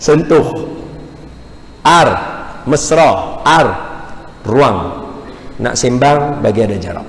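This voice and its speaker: A man with a northern Malaysian accent giving a lively, humorous lecture in a large mosque hall, acting out little dialogues as he teaches. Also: mid-range voice, slow pace, long pauses. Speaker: religious lecturer. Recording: echoey hall with faint background hum.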